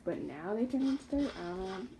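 A young woman, a gaming YouTuber, chats her way through her own Minecraft survival game in casual, rambling commentary, fixing her slips and laughing at herself. Her mid-range voice is sing-song and brisk. The background is noisy.

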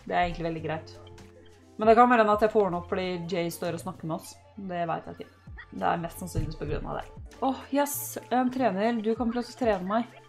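A young woman from Norway chatting casually through a life-sim game, cheering her sim on loudly at times. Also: medium pitch, vocal fry. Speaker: gaming YouTuber. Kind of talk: casual let's-play commentary. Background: faint game music.

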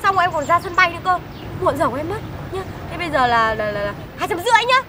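A woman's voice: extremely high pitch, lively intonation, rapid-fire, crowd noise. A woman playing a flustered, pleading passenger in a hurry in a comedy sketch. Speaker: hurried passenger. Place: outdoors on a city street. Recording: loud street noise outdoors.

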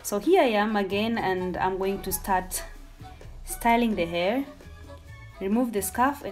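A young woman, a hair vlogger whose first language is Swahili, chats through a casual hair tutorial, explaining every step and dropping in Swahili words. Her voice is medium-pitched and her pace measured, with faint music in the background.

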